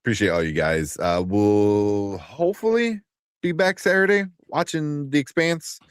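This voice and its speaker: A man's voice: medium pitch, unhurried, clear, resonant tone, no echo, clean studio sound. A man hosting a casual live chat show, laughing often and rambling loosely between topics. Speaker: podcast host.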